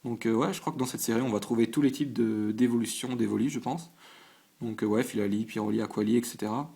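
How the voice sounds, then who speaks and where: A man's voice: medium pitch, quick pace, creaky, mellow, husky. A man hosting his own channel, talking casually to camera at a desk at home, listing items one after another with short reactions, often stumbling and restarting with fillers. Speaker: channel host opening trading card packs. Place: at home at a desk under a lamp.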